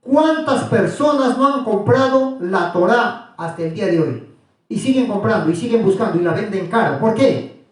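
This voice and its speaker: High-voiced preacher in an echoey room. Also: male voice, animated, moderate pace, far from the mic. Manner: questioning, repetitive, insistent. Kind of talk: religious teaching to a small group.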